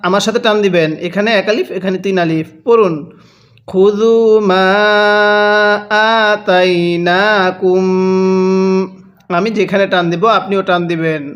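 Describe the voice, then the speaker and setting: A man teaching Quran reading, drawing out each recited word very slowly and then explaining the rules briskly, often asking listeners to repeat after him. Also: sits high, a bit bright. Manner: repeatedly asks listeners to read along with him. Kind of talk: slow recitation drill with quick spoken explanations.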